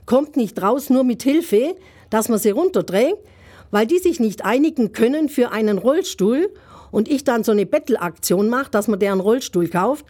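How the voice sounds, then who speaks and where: A woman's voice: on the high side, lively intonation, moderate pace, dark tone. A middle-aged woman giving an interview as an author, speaking emphatically and indignantly, with many rhetorical questions. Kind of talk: interview answers.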